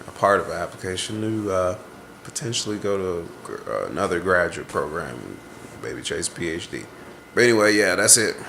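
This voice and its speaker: This vlogger, a congested man in his twenties, speaks low with a bright, forceful tone, casually venting and reflecting to camera. He rambles, turns inward, and gropes for the right words, over slight background noise.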